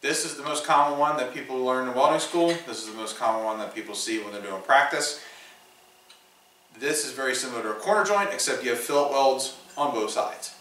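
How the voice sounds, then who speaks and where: A man's voice: mid-range voice, brisk, fairly bright tone, recorded from a distance. A man in his thirties teaching welding step by step, explaining things in a practical, matter-of-fact way in a home garage workshop. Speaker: welding instructor. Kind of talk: instructional demonstration. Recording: echoey garage from afar with fan hum.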